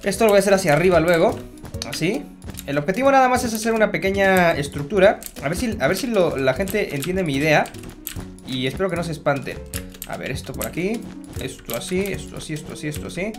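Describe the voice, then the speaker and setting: A man's voice: sits high, expressive, fairly quick, soft background music. A man giving casual commentary while building in a game, chatty and self-mocking, talking straight to his viewers. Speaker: Minecraft gamer.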